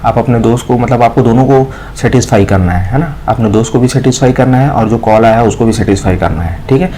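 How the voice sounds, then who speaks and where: An Indian man teaching, who goes through exam questions, reads each English question out slowly and explains it with many repeated fillers. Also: medium pitch, dark tone, a little hiss or hum, low-quality recording. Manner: repeats each point and adds a filler after nearly every line. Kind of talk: exam question walkthrough lesson.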